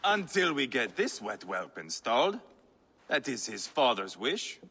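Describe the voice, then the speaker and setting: A swaggering Viking warlord in a video game, crude and scornful, with a bright, forceful voice that swings up and down as he taunts. He sneers at everyone around him. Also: medium pitch, sing-song, unhurried, husky, heavily acted. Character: brash scarred Viking warlord, boastful and scornful.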